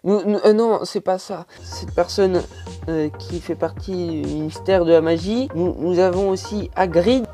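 A man's voice: sits high, measured pace, warm tone, faint music behind. A man with a French accent casually reviewing a toy set, hesitant with many fillers and lots of detail.

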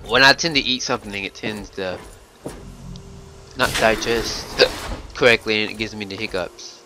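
A man's voice: lowish voice, moderate pace, creaky, music in the background. A young man commenting on his gameplay, rambling, swearing and taunting enemies, hiccuping now and then. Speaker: let's play gamer.

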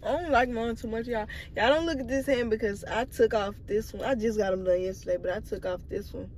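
A woman's voice: fairly high pitch, fairly quick, a little mellow, slight background noise. Laid-back young woman friend. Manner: laid-back, casual slang. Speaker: friend of the vlogger.

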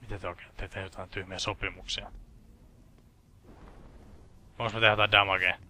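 Young male let's-player from Finland, bright edgy voice, lowish pitch, sarcastic and swearing. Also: flat delivery, slight background noise. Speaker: gameplay commentator. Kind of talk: casual let's play commentary.

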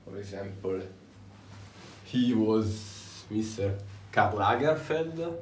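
Young Italian tailor, slow, low voice, halting speech, roomy workshop. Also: male voice, lively intonation, darkish tone, slight background noise. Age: young adult. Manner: halting, with frequent "uh" fillers. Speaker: tailor giving a workshop tour. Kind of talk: casual guided tour. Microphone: visitor's handheld camera. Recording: roomy workshop, faint ambience.

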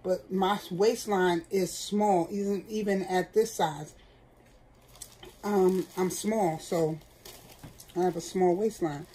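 A woman's voice: lowish voice, steady tone, slow, pauses often, dark tone, low-quality recording. A middle-aged woman, chatting candidly to her viewers while seated at home. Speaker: vlogger. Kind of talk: casual chat.

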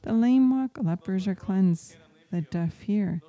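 A woman with a very dark, mellow voice of middling pitch interprets a priest's homily into English live, phrase by phrase. Her slow delivery halts between the short phrases as she translates the sermon aloud.

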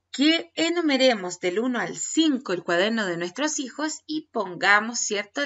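Woman teacher, dictation lesson for parents and kids, slow and patient, animated voice, muffled lo-fi sound. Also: on the high side. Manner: patient, step-by-step instructing. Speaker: primary school teacher. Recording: dull lo-fi recording.

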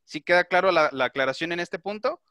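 Bright-voiced male teacher, methodical. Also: high voice, lively intonation, fairly quick, no room sound. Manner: methodical, explains step by step and checks understanding. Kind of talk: online class lecture with questions to students.

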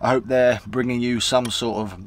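A man's voice: medium pitch, level tone, moderate pace. A young man, chatting casually as a vlogger while cooking in his camper van. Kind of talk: casual vlog chat.

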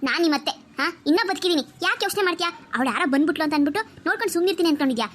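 A woman voicing a scheming older aunt and mother-in-law in a cartoon, speaking in a low, bossy, conniving way. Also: expressive, racing, fairly bright tone. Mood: soothing. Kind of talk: Kannada cartoon voice acting.

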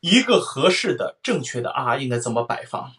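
A man's voice: medium pitch, big pitch swings, normal speed. A man teaching a singing lesson, explaining resonance and singing vowels aloud to show it. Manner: explains then sings vowels, loud sung demonstrations.

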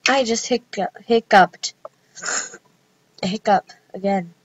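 A woman's voice: medium pitch, slow, no room sound, dull audio. A woman giving casual, playful commentary while playing dress-up games at a computer. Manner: giggly, playful, chatty. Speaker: gameplay vlogger.

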